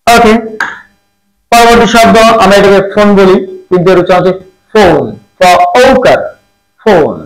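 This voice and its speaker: A man's voice: sits high, moderate pace, vocal fry, reverberant, rough recording. A man teaching English pronunciation, drilling each word by repeating it several times and asking rhetorical questions.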